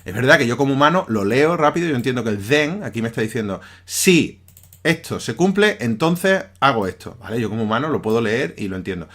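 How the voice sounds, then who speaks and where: A man's voice: medium pitch, lively intonation, very fast, hardly any pauses, a bit bright. Man teaching at a keyboard. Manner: conversational, often checks in with listeners. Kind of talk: screencast programming lesson. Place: at a computer, voice-over of a screen recording.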